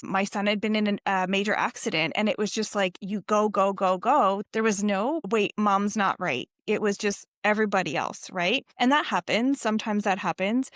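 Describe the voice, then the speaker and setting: Animated woman guest telling her story. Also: medium pitch, no echo, clean studio sound. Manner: animated, laughs often, acts out quotes. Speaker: guest, wellness coach. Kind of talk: personal storytelling in an interview.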